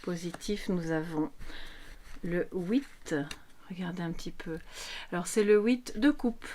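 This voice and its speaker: A woman's voice: on the low side, a little slow, darkish tone, a little hiss or hum. A woman giving a casual live tarot reading, chatty and affectionate as she talks straight to her viewers at a table microphone. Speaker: tarot reader.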